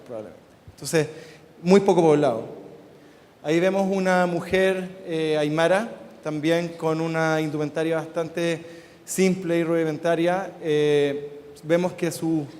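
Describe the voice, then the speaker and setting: A middle-aged man from Chile with a Chilean Spanish accent, giving a relaxed conference talk with frequent "eh" fillers. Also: a little high. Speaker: design conference speaker. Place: large conference hall with an audience. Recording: long hall reverb.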